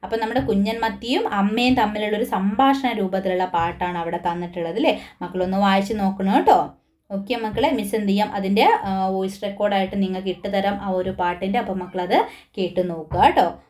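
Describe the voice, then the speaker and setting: A woman's voice: medium pitch, fairly even intonation, fairly quick, a little mellow. A young woman teacher giving a recorded lesson to small children, coaxing them with questions and answering them herself. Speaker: primary school teacher.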